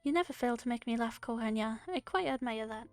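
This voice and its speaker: A woman voicing a gentle, refined young woman in a visual novel, speaking softly and politely. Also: a little high, animated, brisk, no echo, faint music behind. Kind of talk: reading a visual novel aloud.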